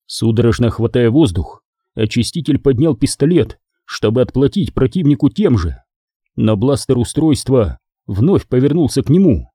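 A man narrating a science-fiction battle novel as an audiobook in a measured, even storytelling manner. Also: medium pitch, breathy edge, no echo, studio quality.

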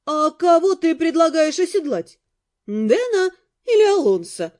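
A woman's voice: very high voice, very animated, a little slow, darkish tone, pitched above the performer's own voice, exaggerated voice. A woman voicing a female mercenary who is unflappable and teasing. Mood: wry. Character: brisk sly female mercenary.

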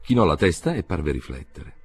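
A man reading a literary audiobook aloud in a measured, expressive way. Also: a bass voice, slightly rough, dry recording. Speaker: audiobook reader.

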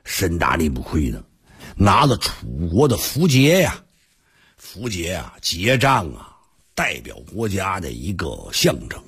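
A male storyteller performs a traditional tale in a radio studio, dramatic and full of asides to the audience. His voice is husky, and his pitch swoops up and down constantly. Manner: lively, dramatic, with asides to listeners.

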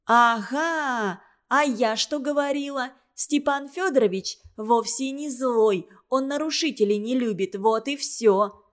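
A woman's voice: on the high side, measured pace, few pauses, natural voice. A woman voicing an earnest, righteous orphan girl in an audiobook, speaking indignantly. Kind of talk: audiobook character voice.

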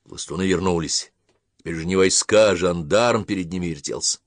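Male narrator, historical novel audiobook, low voice, dry close sound. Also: fairly quick, dry recording.

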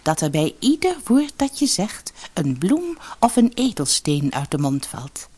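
A woman voicing a stately fairy disguised as a fine lady, speaking in a measured, lilting way. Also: fairly low pitch, sing-song, warm tone, breathy edge, heavily acted.

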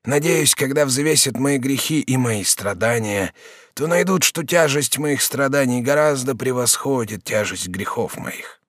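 A worn-out old prisoner near death, voiced by a man reading a novel aloud, speaks in a slow, sighing murmur. The voice drops low and quiet, with a dry close studio sound. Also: dry recording, close to an everyday voice. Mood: resigned. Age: 60s. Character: dying old male prisoner, weary and resigned. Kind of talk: audiobook character reading.

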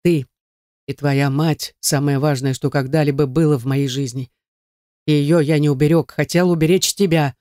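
A weary, remorseful father in an audiobook, read by a male narrator. He speaks low and heavily. The voice is warm and mellow, and the recording is dry and close. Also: fairly even intonation, moderate pace, dry recording, close to an everyday voice. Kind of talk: audiobook reading.

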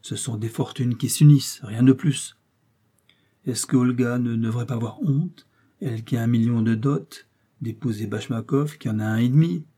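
A man's voice: mid-range voice, moderate pace, mellow, breathy edge, natural voice. Nadia, a man voicing a fiery young princess. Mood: indignant. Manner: impassioned, defiant speeches. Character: proud idealistic young Russian princess.

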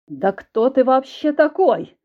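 A woman's voice: mid-range voice, expressive, moderate pace, lo-fi sound, lightly acted. Woman voicing an enraged blustering husband. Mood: furious. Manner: threatening, shouting. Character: enraged blustering husband, middle-aged man.

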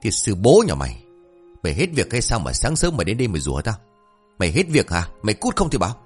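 Man voicing a gruff old village sorcerer in a storybook tale, curses fast, lively rising and falling tone, soft music underneath. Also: on the low side. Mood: irritated.

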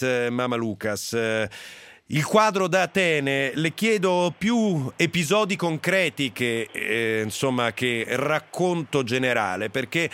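A man hosts a live radio interview in a deliberate way, pausing to rephrase. His voice sits at an ordinary male pitch. He is close to the studio microphone, with a very dry sound. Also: a bit bright, no room sound. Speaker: radio host.

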